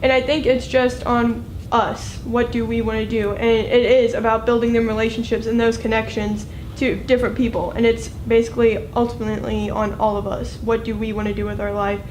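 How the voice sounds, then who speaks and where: An American woman in her late teens gives informal comment as a student. Her voice is fairly high and flat in intonation, with halting, conversational phrasing over a faint rumble. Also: rough recording. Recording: faint rumbling background noise.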